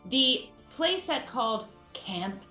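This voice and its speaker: A woman hosting a live-streamed tabletop game, with a playful, lively manner. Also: sits high, slow pace, echoey room, loud music behind the voice. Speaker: host.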